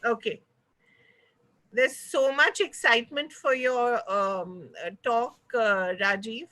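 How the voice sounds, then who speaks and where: On a low-quality video call, a woman with an Indian accent hosts an online talk show interview. Her voice is on the high side and sharp, her pace slow, and she frames her questions politely and somewhat ramblingly.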